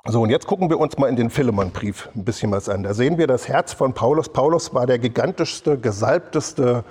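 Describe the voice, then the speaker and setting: A man's voice: mid-range voice, fairly quick, darkish tone, husky. A middle-aged male pastor preaching a sermon in a loose, conversational way, with asides to the congregation. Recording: reverberant hall sound.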